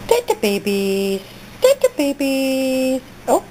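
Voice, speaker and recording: A woman's voice: high voice, very animated, slow pace, background noise. A woman who breeds dogs, cooing baby talk to puppies in a sing-song voice indoors at home. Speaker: dog breeder filming puppies. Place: indoors, home kitchen area.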